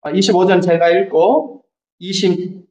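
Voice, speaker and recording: A male pastor preaching a sermon in an animated way, often putting questions to the congregation. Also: sits high, unhurried. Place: church sanctuary. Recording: echoey church hall, dull lo-fi sound.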